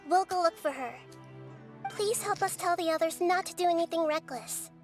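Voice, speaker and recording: A gentle little girl deity. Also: very high voice, moderate pace. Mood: polite. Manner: polite, earnest. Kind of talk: video game voice acting. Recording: game music underneath.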